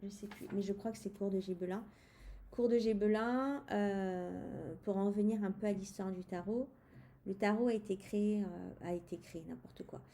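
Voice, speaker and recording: Gravelly-voiced woman reviewing a tarot deck. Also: mid-range voice, fairly even intonation, moderate pace, dark tone. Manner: hesitant, many fillers and restarts; speaks directly to the viewer. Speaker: tarot reader presenting a deck. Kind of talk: casual spoken deck review.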